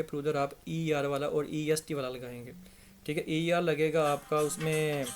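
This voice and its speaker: A young man teaching English gives a relaxed grammar lesson in a voice that's fairly high for a man. He speaks loosely and conversationally, stretching out example words slowly so learners can catch every syllable.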